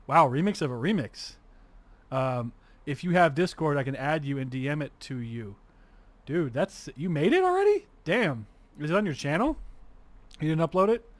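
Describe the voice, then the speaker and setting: A young man with a congested, sniffly voice that sits on the high side talks at a moderate pace with plenty of expression. He chats casually on a livestream while working on a music remix, swearing freely and muttering to himself. There's no room sound.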